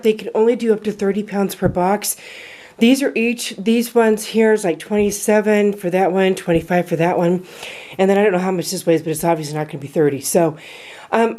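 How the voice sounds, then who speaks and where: A woman's voice: medium pitch, mellow. A woman vlogging casually from a home storage room, chatty and rambling with many fillers. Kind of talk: casual vlog talk.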